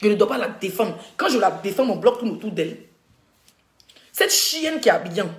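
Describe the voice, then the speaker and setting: A woman blogger delivers a heated rant on her live stream, addressing viewers directly with an indignant tone as she coughs through a cold. Her medium-pitched voice has a sing-song quality at a moderate pace, and the room echoes.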